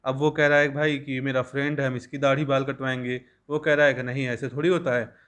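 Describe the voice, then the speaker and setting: A young man teaching a school English lesson, reading lines slowly and then explaining them at length. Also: mid-range voice, little pitch movement, fairly bright tone.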